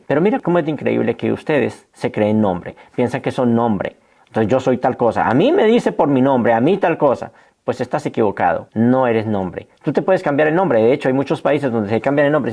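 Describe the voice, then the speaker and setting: A man preaching a sermon, addressing his listeners as brothers and asking rhetorical questions, slowing down to stress key words. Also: medium pitch, a little mellow. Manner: emphatic, slows down on key words.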